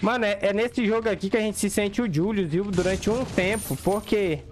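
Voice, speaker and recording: A man's voice: sits high, normal speed, soft background music. A young man with a Brazilian Portuguese accent giving slangy, chatty commentary while streaming a game and talking to his chat. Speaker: gaming streamer. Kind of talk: casual gameplay commentary.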